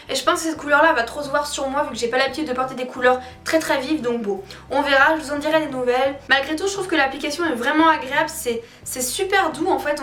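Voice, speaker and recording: A beauty vlogger reviews products while chatting casually to viewers, candid and opinionated in colloquial language. Her voice sits high with a fairly bright tone, heard through a distant mic in a roomy echo with faint music behind.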